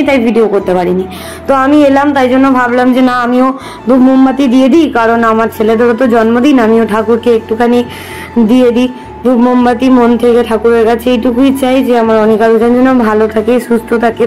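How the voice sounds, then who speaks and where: A young mother of twin boys chats casually with her viewers in a family vlog, speaking to them directly. Her voice is fairly high and darkish in tone, and the audio quality is poor.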